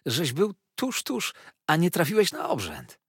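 A man's voice: sits high, huge pitch swings, measured pace, gravelly, husky, dry recording, clean studio sound, pitched above the performer's own voice, exaggerated voice. A man voicing an effusive young male lawyer who gushes and fires off questions, as a storybook reader. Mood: eager. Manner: gushing, breathless, showers questions.

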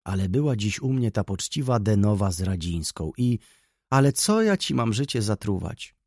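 Man playing an anxious old mother in an audiobook, lamenting and husky. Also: lowish voice, very animated, moderate pace, darkish tone, no room sound, studio quality. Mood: fretful. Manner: fretful, lamenting. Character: anxious, pious elderly mother.

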